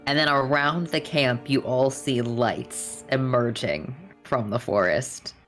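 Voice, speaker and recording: A man's voice: mid-range voice, slow, a bit bright, faint music behind. A man acting as game master, casually narrating a tabletop role-playing game.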